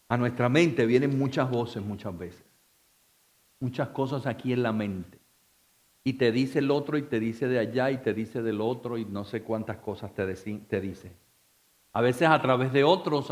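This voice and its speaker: A man, a pastor, preaching a church sermon. He moves between quiet talk and raised, emphatic delivery, stacking repeated phrases as he builds. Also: mid-range voice. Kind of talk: Spanish-language church sermon.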